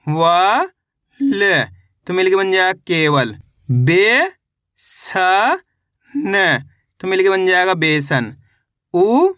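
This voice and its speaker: A man's voice: sits high, sharp tone, smooth, no echo, studio quality. A man teaching beginners to read by sounding out words syllable by syllable, in a patient, drilling manner. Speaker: Hindi reading teacher. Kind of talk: spelling lesson for beginners.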